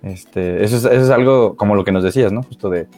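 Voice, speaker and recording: A man's voice: fairly low pitch, fast talker, a little mellow, soft background music. A man co-hosting, chatting casually and rambling with many fillers. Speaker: co-host. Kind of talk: casual chat.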